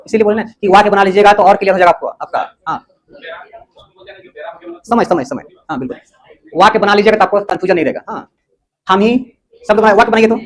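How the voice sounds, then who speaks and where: A man. He explains patiently, pauses often to ask whether the class has understood, and keeps the students moving along. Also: sits high. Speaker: teacher. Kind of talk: classroom lecture.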